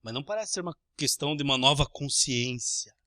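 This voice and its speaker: A Brazilian man preaching a sermon as pastor, animated, acting out little everyday scenes with changing voices. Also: mid-range voice, a little fast, no echo, studio quality. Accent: Brazilian Portuguese.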